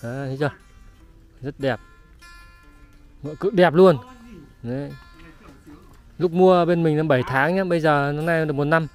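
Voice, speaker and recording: A man's voice: a little high, normal speed, pauses often, faint music behind. A man hosting a farm video, talking casually to his viewers while showing off horses. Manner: chatty, addresses viewers directly, urges horse loudly. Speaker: channel host showing horses.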